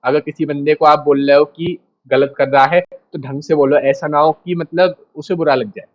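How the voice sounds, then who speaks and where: A man's voice: fairly high pitch, steady tone, moderate pace, highs cut off. A man teaching a class in a casual, direct way, repeating his points and talking straight to the students. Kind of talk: casual lecture.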